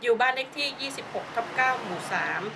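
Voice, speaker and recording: An older woman giving a spoken testimonial, telling her story in an animated way and acting out the voices of the people in it. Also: sits high, fast. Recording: distant mic with faint background noise.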